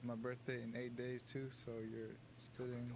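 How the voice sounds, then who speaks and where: A man with a flat, even voice jokes around in a laid-back way, heard faint and far off. Steady background noise sits behind him throughout. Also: medium pitch, normal speed. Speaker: student player. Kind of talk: casual chat over voice comms.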